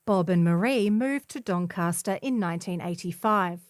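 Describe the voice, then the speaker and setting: In studio-quality audio with no room sound, a woman with a fairly low voice reads a scripted feature article at a moderate pace. She is a volunteer reader for a community newspaper.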